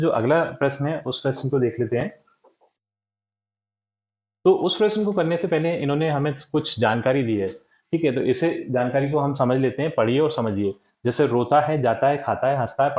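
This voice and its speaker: A man's voice: medium pitch, fairly quick, a little mellow, roomy sound. A man explaining a textbook lesson to children, patiently asking and answering his own questions. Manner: patient, checks with repeated "ठीक है" and questions. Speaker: teacher.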